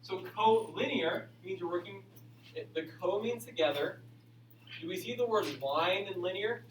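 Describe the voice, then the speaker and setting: A man's voice: high-pitched, normal speed. A man teaching a school class, repeating himself step by step and urging students along like an aerobics instructor, with frequent okay check-ins. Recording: echoey classroom, distant mic, faint hum.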